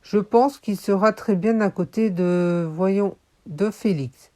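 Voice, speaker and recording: A woman voicing a flustered female schoolteacher who stammers and keeps clearing her throat, in a children's audiobook. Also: medium pitch, slow, dark tone, close to an everyday voice. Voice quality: hesitant, stammering.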